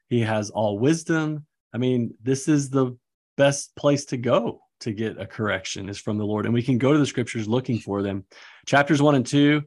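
A man co-hosting a casual scripture teaching discussion, easygoing and filler-heavy, laughing lightly as he talks. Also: medium pitch.

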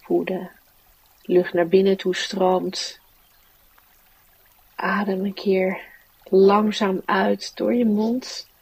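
A woman guides a relaxation exercise in a soft, soothing voice. Her tone is husky and stays level, with little rise or fall. She takes each phrase slowly. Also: mid-range voice, level tone, far from the mic, rough recording. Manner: soft, slow, soothing guiding delivery. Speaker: mindfulness teacher and meditation guide.

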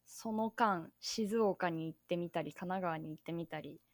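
A woman's voice: fairly low pitch, moderate pace, no echo, studio quality. A young woman from Tokyo, a podcast host, chatting in a bubbly, self-deprecating way over a remote call. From Tokyo, Japan. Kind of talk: casual podcast chat.

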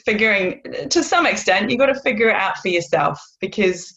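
A woman's voice: mid-range voice, expressive, fairly quick, fairly bright tone, muffled recording. A woman from North Wales, in her thirties, answering interview questions in a chatty way full of fillers, over a video call. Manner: chatty, many fillers, laughs easily. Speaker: guest.

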